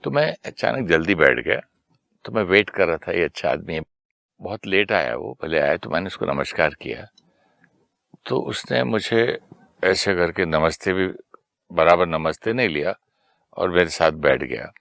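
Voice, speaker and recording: A man's voice: low-pitched, expressive, normal speed, creaky, a bit bright, no room sound, clean studio sound. A man in casual conversation, telling a personal story and acting out the dialogue, with English phrases mixed in. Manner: anecdotal, mixes English phrases, acts out quoted dialogue. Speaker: guest sharing a personal story.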